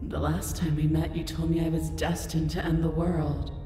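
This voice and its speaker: An actress voicing a towering, godlike princess in a video game, her booming voice magically amplified, speaking in a slow, regal, commanding way. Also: level tone, warm tone. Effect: booming, magically amplified voice with heavy reverb. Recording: echoey hall reverb over game music. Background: game soundtrack music.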